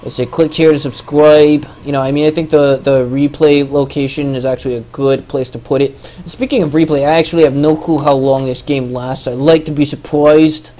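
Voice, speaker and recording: A man's voice: on the high side, fairly even intonation, brisk, few pauses, mellow. A young man casting a strategy video game match in a loose, joking, rambling way. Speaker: game caster. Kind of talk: casual esports commentary.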